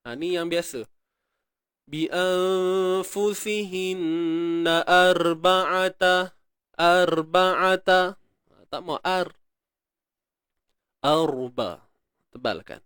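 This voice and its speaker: A man's voice: medium pitch, expressive, no room sound, clean studio sound. Patient Malaysian man teaching Quran recitation. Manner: patient, repeats words slowly and chants verses. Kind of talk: tajwid lesson, explaining and reciting.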